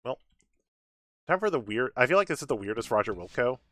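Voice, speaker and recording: Over game music, a man streams gameplay with relaxed, chatty commentary and wry side remarks, breaking off to read on-screen text aloud. The recording is dry, and his mid-range voice comes across very animated, fairly quick and a bit bright.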